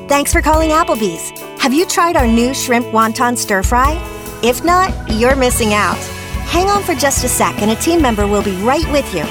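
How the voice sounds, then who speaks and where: A woman's voice: high-pitched, expressive, moderate pace, over music. A woman reading a recorded phone greeting in an upbeat, promotional way. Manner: upbeat, chirpy promotional delivery.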